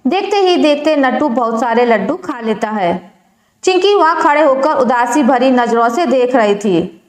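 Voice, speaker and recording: Woman storyteller, high and unhurried, calm measured narration, echoey room.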